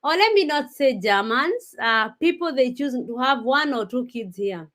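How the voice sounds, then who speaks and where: This Kenyan woman in her thirties speaks at a normal speed in a high-pitched, animated, fairly bright voice. Hosting a casual live stream, she talks chattily to her viewers and frequently restarts.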